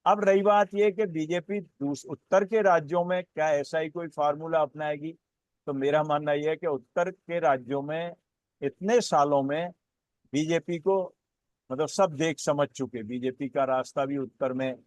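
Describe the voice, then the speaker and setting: Guy analyst on a panel, bit higher voice, dry close sound, steady careful talk. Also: dry recording. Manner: measured, builds points with repeated phrases. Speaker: political analyst. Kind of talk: panel discussion commentary.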